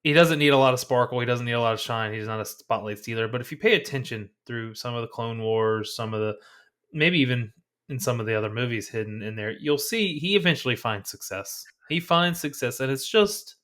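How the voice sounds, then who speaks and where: A man's voice: medium pitch, brisk, a bit bright. A man co-hosting a movie podcast in casual chat, earnest and enthusiastic. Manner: earnest, enthusiastic, self-correcting. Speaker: podcast co-host.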